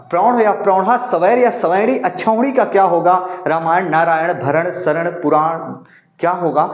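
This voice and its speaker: A man's voice: on the high side, roomy sound. A man teaching Hindi grammar for an exam, drilling rules, repeating key points and calling his viewers students. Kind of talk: exam-prep grammar lesson.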